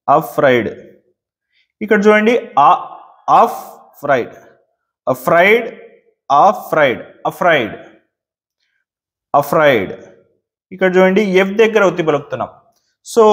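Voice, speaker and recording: A man teaching exam tips, often repeating words slowly to show where the stress falls. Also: high voice.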